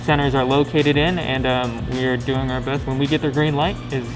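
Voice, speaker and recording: A man's voice: mid-range voice, a little fast, rough recording. A man hosting a casual question-and-answer video, chatting informally and often tagging sentences with questions. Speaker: company video host. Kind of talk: casual scripted-outline Q&A to camera. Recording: steady music behind the voice.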